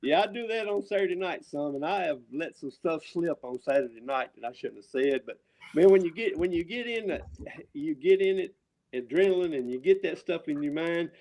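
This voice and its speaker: A man's voice: a little high, lively intonation, fairly quick, a little mellow, rough recording. A man with a Southern US accent talking casual, profane wrestling trash as a guest, rambling and riled up. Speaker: wrestling promotion owner, show guest.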